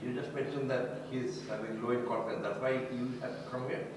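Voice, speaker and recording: A man's voice: mid-range voice, steady tone, fairly quick. Distant male reporter in echoey hall. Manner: hesitant, searching for words. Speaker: journalist asking questions. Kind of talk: press conference questions. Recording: distant mic in an echoey hall with background noise.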